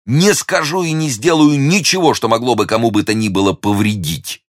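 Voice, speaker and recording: A man's voice: medium pitch, normal speed, no room sound, studio quality, pitched above the performer's own voice, lightly acted. A man voicing a brave, hot-headed young male swordsman in love, speaking ardently and exclaiming often.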